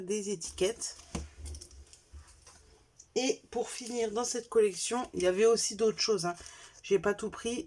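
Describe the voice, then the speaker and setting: A craft vlogger with a French accent chats casually through a show-and-tell haul, presenting her craft purchases one by one and correcting herself as she goes. Her voice is mid-range and a little mellow.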